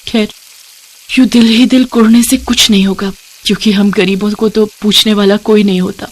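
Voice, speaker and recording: A woman's voice: medium pitch, fairly even intonation, moderate pace, lightly acted. A woman voicing a weary, poor young daughter-in-law in a cartoon, who complains with self-pity.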